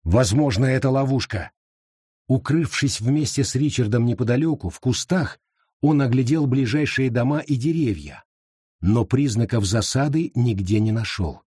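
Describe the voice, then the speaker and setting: A man narrating a horror audiobook in a slow, expressive storytelling manner. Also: medium pitch, husky, no echo, clean studio sound.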